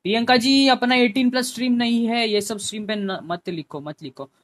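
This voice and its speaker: A young man with a fairly high voice, talking casually into a headphone mic on his game stream. He chats with viewers by name and sometimes pleads with them. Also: brisk, fairly bright tone. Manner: chatty, talks to chat viewers by name, pleading at times. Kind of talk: casual live-stream chat.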